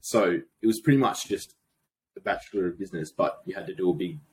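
Deep-voiced young Aussie bloke, broad accent. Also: male voice, fast, a little mellow, low-quality recording. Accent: broad Australian. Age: young adult. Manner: blokey, slangy, informal. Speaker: podcast guest. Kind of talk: casual chat.

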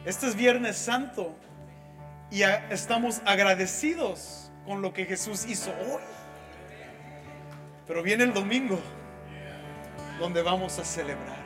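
A pastor preaching a sermon, telling a story slowly and with emphasis, now and then switching into English. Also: high voice, a bit bright. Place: church hall. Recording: echoey church hall with faint music.

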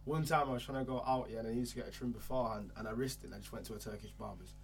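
A young man with a London roadman accent tells an animated anecdote in casual, slangy chat, repeating phrases for emphasis. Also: mid-range voice, very fast, slight background noise.

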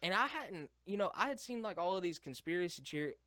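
A man's voice: sits high, big pitch swings, brisk, pushed and bright, no echo, studio quality. A young man co-hosting a casual podcast, rambling and swearing, laughing often as he tells stories. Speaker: podcast co-host. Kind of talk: casual chat.

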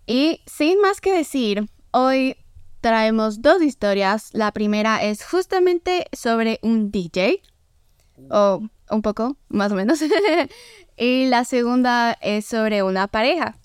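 A woman's voice: fairly high pitch, expressive, slow, smooth, dry recording. A woman hosting a casual podcast, a chatty and friendly interviewer. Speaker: podcast host.

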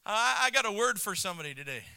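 A male missionary preacher delivering a sermon, telling the story with animation, chuckling between points and swinging into shouts. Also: high voice, big pitch swings, fast talker, creaky, smooth, no room sound, low-quality recording.

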